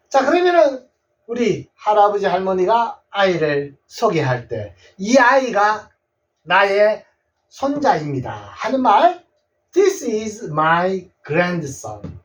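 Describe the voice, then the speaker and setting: A man gives a slow, unhurried blackboard lesson with a pitch that swings up and down. He keeps repeating each word and checking that his listeners follow. The sound is dull and lo-fi, picked up from some distance. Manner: patient, repeats words, checks in with "right?". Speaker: English teacher for seniors.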